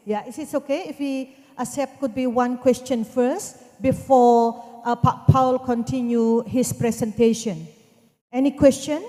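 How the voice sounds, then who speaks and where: An echoing hall carries a woman's high, soft-edged voice with an Indonesian accent. She moderates questions hesitantly, repeating her instructions. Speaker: session moderator. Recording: echoey hall with long reverb.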